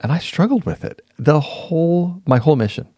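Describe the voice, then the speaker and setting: A man in his fifties, a podcast guest, reflectively recounting his past in a casual interview, pausing and restarting sentences. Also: on the high side, animated, warm tone, slightly rough, no room sound, clean studio sound. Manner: reflective, unhurried, often pauses and restarts mid-sentence.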